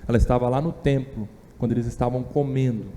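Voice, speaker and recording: A man's voice: medium pitch, steady tone, fast, warm tone, big-room sound, a little hiss or hum. A man with a Brazilian Portuguese accent teaching a Sunday Bible class, emphatic, repeating key phrases and asking the class rhetorical questions. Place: church hall.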